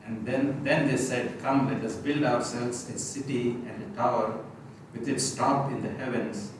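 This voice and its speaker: A man reading a scripture passage aloud to a Bible study group, steady and even. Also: mid-range voice, unhurried. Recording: distant mic in an echoey room, hissy.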